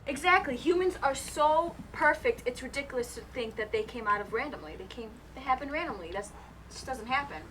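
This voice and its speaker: A young woman debating in a school-project comedy sketch, arguing earnestly and a little haltingly. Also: high voice, animated, a bit bright, a little hiss or hum, rough recording. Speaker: mock debater.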